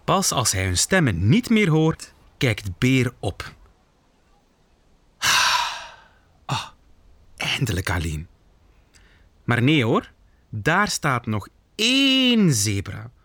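A man reading a picture book aloud to children, expressive with playful asides. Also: medium pitch, slow, dry recording. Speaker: storyteller.

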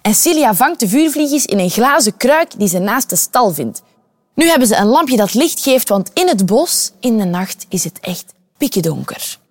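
A woman's voice: a little high, moderate pace, no room sound, clean studio sound. A woman with a Flemish accent reading a children's story aloud, asking her young listeners questions. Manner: lively, animated voices, asks the children questions.

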